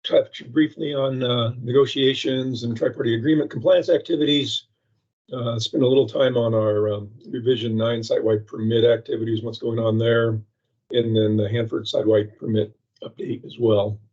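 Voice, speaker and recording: A man presenting a slide update at a public meeting over a patchy remote microphone that sounds muffled, as if heard through a wall, speaking in halting bursts with many fillers. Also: mid-range voice, fairly even intonation, a little mellow. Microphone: remote call microphone with a patchy connection. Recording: muffled, dull remote call audio.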